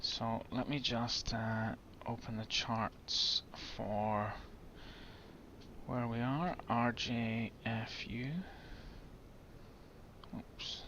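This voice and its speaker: A man talks slowly and evenly through a flight simulator session, chatty and thinking aloud. His tone is bright and forceful but stays flat in pitch. The recording is a little dull, with faint noise behind him. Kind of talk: casual commentary while gaming.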